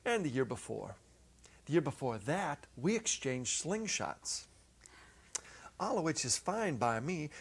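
A middle-aged man gives a theatrical dramatic reading of a short story, moving from hushed to emphatic with deliberate pauses. His mid-range voice is creaky with a breathy edge. Seated at a music stand on an indoor stage set, he narrates into a clip-on lapel mic.

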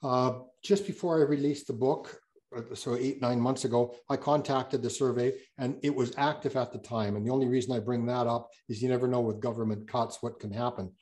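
A man's voice: mid-range voice, steady tone, fairly quick, a little mellow. A man speaking as a guest geologist, answering audience questions on a video call in a rambling, self-correcting way with many fillers.

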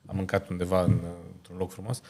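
A man in his thirties, low in pitch, chats casually as a podcast host. He tells road-trip stories with a lively, joking energy into a studio boom mic. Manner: lively, storytelling, laughs often. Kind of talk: casual chat. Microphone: studio mic on boom arm.

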